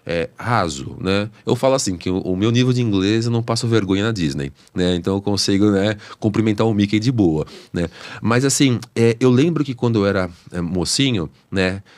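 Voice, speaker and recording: A man's voice: lowish voice, fairly quick, a little mellow. A Brazilian man hosting an interview, talking hesitantly and adding tag questions after almost every phrase. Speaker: host and teacher.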